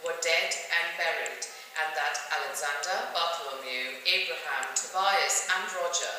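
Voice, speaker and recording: A woman reading a classic novel aloud with measured, drawn-out phrasing. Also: deep voice, bright, forceful tone, slight background noise. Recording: echoey hall.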